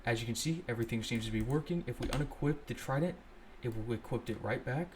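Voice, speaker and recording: Talking fast at a medium pitch, a young man casually guides viewers through a screen-recorded scripting tutorial, thinking aloud and correcting himself as he goes. There's noticeable background noise.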